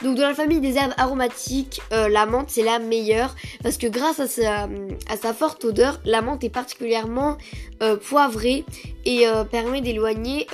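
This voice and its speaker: A young woman hosting a casual gardening podcast, talking with many fillers and restarts. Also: on the high side. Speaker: podcast host.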